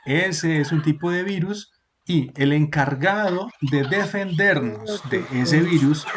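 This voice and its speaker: Guy teaching online, kinda high voice, patient, repeats stuff slow and quizzes the kids. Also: noisy background. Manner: patient, repeats words slowly, asks students questions. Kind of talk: online class explanation.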